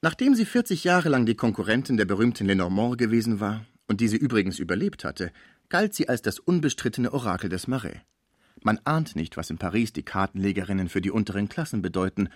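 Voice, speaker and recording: A man narrating a classic novel in a measured, expressive reading. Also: lowish voice, no echo, clean studio sound. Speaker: audiobook narrator.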